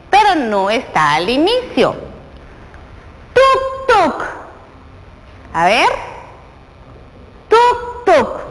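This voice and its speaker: A woman with a Guatemalan Spanish accent, teaching a preschool TV lesson and coaxing a child with slow, questioning prompts. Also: a little high, in a large hall, slight background noise, poor audio. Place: television studio.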